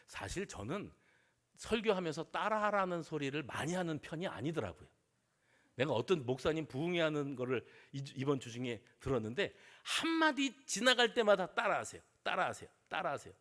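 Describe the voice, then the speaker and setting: Middle-aged pastor guy giving a sermon, high pitched and super expressive, does little voices, sometimes goes almost whisper quiet. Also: moderate pace.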